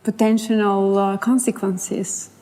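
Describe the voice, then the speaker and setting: A woman's voice: mid-range voice, level tone, takes it slowly, dark tone. A woman hosting an interview, asking questions and adding playful, teasing follow-ups. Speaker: interviewer and channel host. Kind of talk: casual interview. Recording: reverberant room with faint music.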